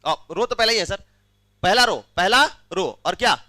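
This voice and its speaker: Male maths teacher, high and bright, dry close sound, drills students with repeated questions. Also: animated, moderate pace, no room sound. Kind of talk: classroom maths lecture.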